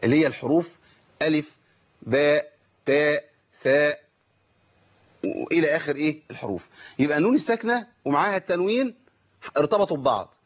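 An Egyptian man teaches a recitation class over an online call, his voice slightly high and his speech quick. He poses questions to the class and answers them himself. The call audio sounds dull and muffled. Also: expressive, slightly rough. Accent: Egyptian Arabic. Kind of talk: online lesson.

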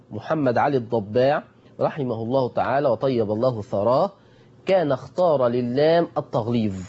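A man's voice: mid-range voice, dark tone, slightly rough, highs cut off. A man with an Egyptian Arabic accent teaching a Quran recitation lesson. He asks his students questions, answers them himself and repeats the key points. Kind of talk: tajweed lesson.

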